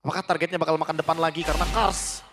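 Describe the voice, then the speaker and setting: A man's voice: fairly high pitch, flat delivery, rapid-fire. A man with an Indonesian accent giving analytical live commentary on an esports match. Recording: music behind the voice. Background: music.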